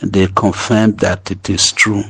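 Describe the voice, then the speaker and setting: A man speaking in a voice message played back to listeners, urging a group to stay calm in a halting way, restarting his phrases. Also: fairly low pitch, husky. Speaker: group leader addressing members. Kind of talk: voice note update to a group.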